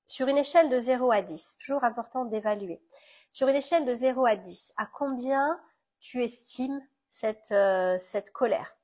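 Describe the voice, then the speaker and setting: A woman with a French accent guiding a tapping session, gently coaching the listener through each step. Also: on the high side, moderate pace. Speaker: EFT tapping guide.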